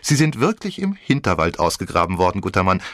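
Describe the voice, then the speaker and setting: A man's voice: low-pitched, sing-song, fast talker, no echo, clean studio sound. A man voicing a flippant, teasing girl of about seventeen in an audiobook, with theatrical, mock-dramatic speech.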